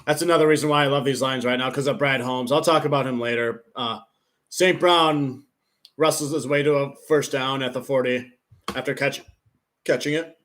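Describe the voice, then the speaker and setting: Man, live streamer, casual game commentary, rambling, filler-heavy, middle pitch. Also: normal speed, slight background noise. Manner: relaxed play-by-play narration.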